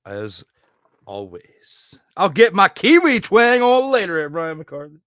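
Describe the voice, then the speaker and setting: A man hosting a casual football talk show, joking and rambling with quick asides. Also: high-pitched, huge pitch swings, a bit bright, no room sound, studio quality. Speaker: podcast host. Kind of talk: casual sports chat.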